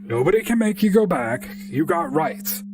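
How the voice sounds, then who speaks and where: Here the unflappable robot gumshoe of a radio drama stays wry and calm, delivering chatty noir narration in the first person. The gravelly, creaky pitch swings widely and he sounds very animated at normal speed. He's set back from the mic in a dry space, though the background is noisy.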